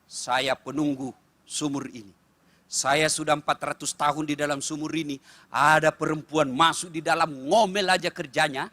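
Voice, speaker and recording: A weary old jinn rumbles out of a well in a slow, deep, drawn-out voice, as a preacher puts him on. He is a huge, worn-out spirit telling his tale in a comic sermon. The voice stays bright and ringing even at this low pitch. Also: dry recording. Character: ancient giant jinn haunting an old well, male, weary.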